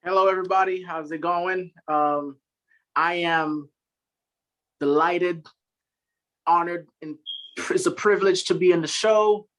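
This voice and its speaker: This Haitian man in his thirties, a Marine staff sergeant, is a guest on a podcast, chatting casually in an earnest, upbeat way and laughing easily. His voice is high, bright and fairly even in intonation, a little slow with frequent pauses, and the audio quality is poor.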